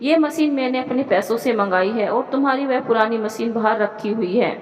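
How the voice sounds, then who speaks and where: A woman voicing a bossy, scheming older woman of the house who talks in a sharp, mocking, commanding way. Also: on the high side, normal speed, echoey room, big-room sound, highs cut off, close to an everyday voice. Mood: scolding.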